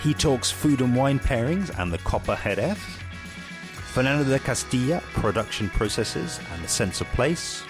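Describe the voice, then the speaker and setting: A man hosting a podcast, reading a scripted introduction in a smooth, even delivery. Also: medium pitch, normal speed, over music. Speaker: podcast host.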